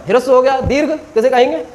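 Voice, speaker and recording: A man's voice: very high voice, expressive, moderate pace, darkish tone, a little hiss or hum, rough recording. A man teaching a classroom grammar lesson, quizzing students with short questions and stretching vowels out to demonstrate.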